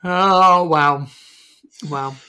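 A man co-hosting a casual podcast, talking in a relaxed, hesitant way with many fillers. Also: fairly high pitch, drawn-out words, clean tone. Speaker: podcast co-host. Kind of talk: casual lectionary podcast chat.

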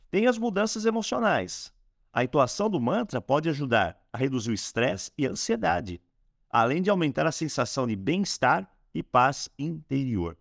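A man hosting a calm instructional talk on a spiritual technique, slowing down when he speaks mantras. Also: mid-range voice, vocal fry, no room sound, clean studio sound. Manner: lively, rising and falling delivery, slowing on mantras. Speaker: host teaching a spiritual technique.

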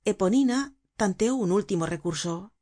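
A woman narrating a classic novel with steady storytelling. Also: medium pitch, normal speed. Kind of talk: audiobook narration.

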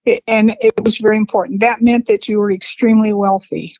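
A woman in her seventies telling family memories in a rambling, unhurried way with laughs between stories. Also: medium pitch, fairly even intonation, a little mellow, dry recording. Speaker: interviewee, family matriarch. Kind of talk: reminiscing conversation. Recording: dry, slightly dull lo-fi sound.

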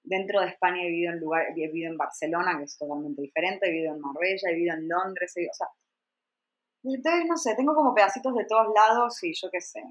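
A woman with an Argentine accent, speaking in a somewhat low voice. She is a podcast guest in her forties, and she chats in a loose, reflective way with plenty of fillers. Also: quick pace, low-quality recording. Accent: Argentine Spanish. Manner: chatty and reflective, with frequent fillers. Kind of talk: casual conversation.

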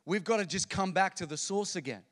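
A man preaching a sermon as pastor, swinging between loud animated outbursts and quiet, earnest talk. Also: high-pitched, fairly quick, long reverb tail. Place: large church hall.

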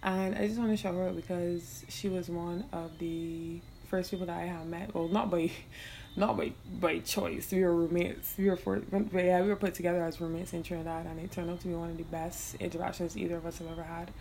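A woman's voice: fairly low pitch, little pitch movement, fairly quick, gravelly, dark tone, a little hiss or hum. A young woman from Barbados with a Bajan accent, hosting her solo podcast in loose, profane, laughing casual chat. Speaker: podcast host.

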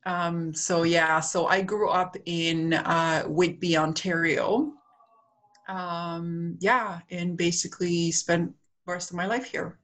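A woman's voice: fairly low pitch, steady tone, slow, fairly bright tone. A middle-aged woman from Peru, a centre co-owner, talking casually as a podcast guest with many fillers. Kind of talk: casual interview talk.

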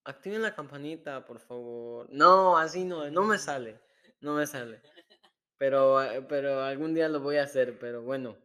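Man, casual chat, filler-heavy, bright tone. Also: medium pitch, normal speed, clear, resonant tone. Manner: chatty, many fillers like "este", laughs often.

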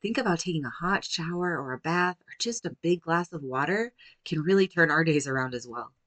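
A woman, likely in her thirties, giving a gentle, measured talk that teaches parents how to calm young children. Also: low-pitched, no echo.

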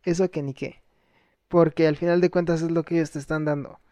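A man with a Mexican Spanish accent in casual chat, telling stories in a relaxed, slangy way. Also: on the high side, fairly quick, dry recording.

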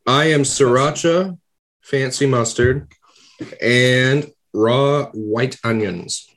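A man's voice: mid-range voice, takes it slowly, a bit bright. Joking, crude-talking man musician. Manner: jokey, crude, swears freely. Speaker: band musician, guest. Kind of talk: casual interview chat.

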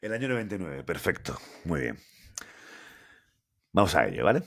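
A man's voice: sits low, sing-song, moderate pace, a bit bright. A man with a Spanish accent from Spain, co-hosting a casual podcast and running a playful quiz, reading ad copy aloud.

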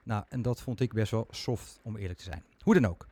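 A man's voice: fairly low pitch, fairly quick, a little mellow, husky, no room sound. A man hosting a podcast, talking chattily with self-mocking humor into a microphone. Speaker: podcast host. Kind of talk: casual podcast talk.

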